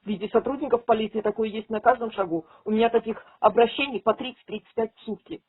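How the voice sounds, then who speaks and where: A woman's voice: a little high, fast, breathy edge, no echo. A woman making a formal complaint over the phone, arguing assertively as a rights advocate. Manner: assertive, argumentative. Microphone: telephone line. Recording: tinny phone call, radio-like.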